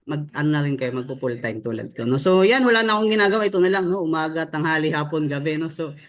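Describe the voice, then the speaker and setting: A man's voice: a little high, lively intonation, fast talker. A young man from the Philippines giving a casual motivational online training over a video call, reading out names and asking the group "no?" and "di ba?" as he goes. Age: young adult. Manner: chatty, reads out names with frequent "no?" and "di ba?". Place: home room with a staircase behind.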